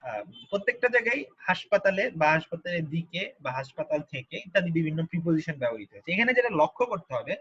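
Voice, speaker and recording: A man teaching Arabic grammar in a lesson, who patiently repeats each form slowly and asks the learners questions. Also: on the high side, big pitch swings, a bit bright, husky, lo-fi sound. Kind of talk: online grammar lesson explained in Bengali.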